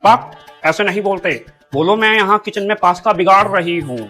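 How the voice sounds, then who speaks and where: An actor playing a sharp-tongued grandmother who scolds her granddaughter. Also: medium pitch, a little fast, faint music behind. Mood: scolding. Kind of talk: comedy sketch acting.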